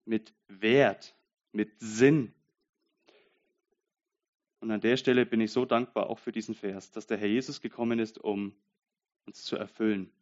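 A young man preaching a sermon in an earnest way, dropping to a soft, intimate voice and then rising to loud, emphatic bursts. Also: fairly low pitch, fairly even intonation, fairly quick, highs cut off. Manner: reads Bible verses aloud.

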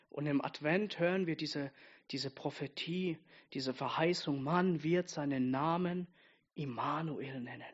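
A man preaching an earnest Advent-style sermon, dropping soft and intimate, then rising to emphatic. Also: sits high, lo-fi sound.

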